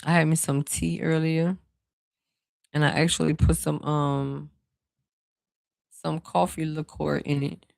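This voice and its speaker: Casting: rambling spiritual card reader with a gravelly voice, chatting to "y'all" in a dry, close room. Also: mid-range voice, level tone, slow, long pauses, darkish tone, no echo. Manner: rambling and chatty, with many "you know" fillers; talks straight to viewers as "y'all". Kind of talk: casual spiritual card reading to viewers.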